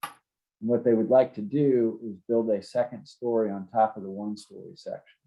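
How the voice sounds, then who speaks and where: A man's voice: lowish voice, steady tone, moderate pace, vocal fry, dull audio. A man giving an informal, explanatory presentation as city zoning staff, plain-spoken and a little hesitant.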